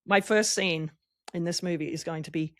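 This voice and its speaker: A woman's voice: lowish voice, moderate pace, dry recording, studio quality. A middle-aged woman, hosting a casual podcast chat, frank and teasing. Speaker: podcast host and former tennis player.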